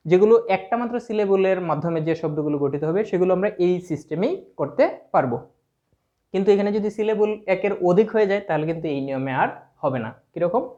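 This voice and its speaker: A man's voice: high voice, darkish tone. Bengali man teaching grammar, lo-fi sound. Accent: Sylheti Bengali. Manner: explains step by step, spells words out letter by letter. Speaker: English teacher. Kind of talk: classroom grammar lesson. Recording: dull lo-fi sound.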